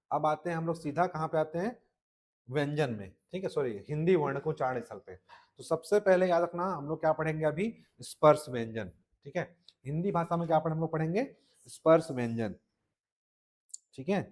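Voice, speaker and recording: Casting: a male Hindi teacher with a Chhattisgarhi accent, fairly high voice, lecturing for exam prep and quizzing the class. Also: animated, moderate pace, long pauses, a little mellow. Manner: repeats "ठीक है" and quizzes listeners.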